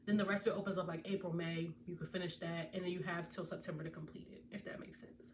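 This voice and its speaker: A woman's voice: fairly low pitch, fast, recorded from a distance. A young woman in her twenties talks casually and animatedly, giving viewers advice as a vet student. She sits a little away from the microphone, and faint background noise hums underneath. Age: 20s. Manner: chatty, animated, speaks directly to viewers. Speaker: veterinary student vlogger.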